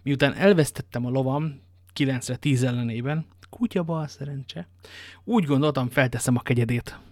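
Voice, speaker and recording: A man's voice: medium pitch, darkish tone, no room sound, studio quality, close to an everyday voice. A man reading an audiobook and voicing Athos, a worldly, ironic musketeer, with a languid manner of telling his tale. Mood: wry.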